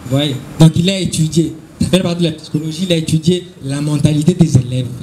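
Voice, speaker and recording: A man with a Congolese French accent answers questions live, explaining patiently and pausing often to search for words. His voice sits a little high, with a mellow tone. Faint noise hums behind him. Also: low-quality recording. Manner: explanatory, switching between Latin and French, with frequent hesitations. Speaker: student answering questions at a school event.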